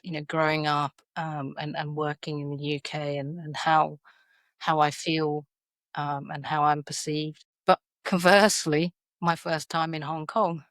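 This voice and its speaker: Middle-aged South London woman, low voice, halting and reflective interviewee, dry close recording. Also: no echo. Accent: South London English. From South London, England. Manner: hesitant, lots of fillers and restarts. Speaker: podcast guest, educator.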